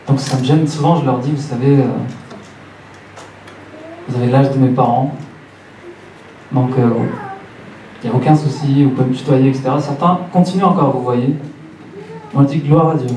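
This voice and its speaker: In a church hall, a man in his late thirties with a mellow, medium-pitched voice preaches a sermon to the congregation, teaching didactically and repeating phrases to drive points home. It's picked up on a distant mic in a roomy space with faint noise.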